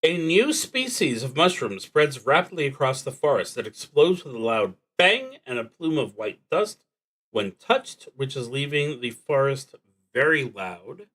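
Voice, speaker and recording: On a low-quality recording, a man with a medium pitch and a slightly bright tone talks through a solo tabletop RPG. He is very animated yet hesitant, reading prompts and pausing at length to think.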